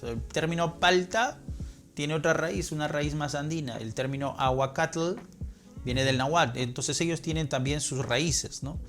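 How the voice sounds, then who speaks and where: A man's voice: on the high side, a little slow, fairly bright tone, soft background music. A man with a Lima Peruvian accent, a literature professor talking as an interview guest, explaining in a teaching manner and answering his own questions. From Peru.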